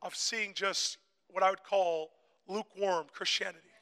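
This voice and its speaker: Man preaching, high bright voice, short phrases for an interpreter, shouting at the peaks, long church reverb. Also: fairly even intonation, measured pace, clean tone. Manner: builds to shouting crescendos. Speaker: guest preacher. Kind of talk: sermon with live interpreter. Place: church hall. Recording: echoey church hall reverb.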